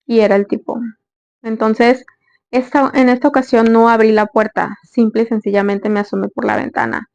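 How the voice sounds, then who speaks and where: A woman's voice: fairly high pitch, vocal fry, a little mellow, dry recording. A young woman earnestly tells a sad family story, retelling dialogue in quotes. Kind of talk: personal story narration. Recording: dull dry close recording.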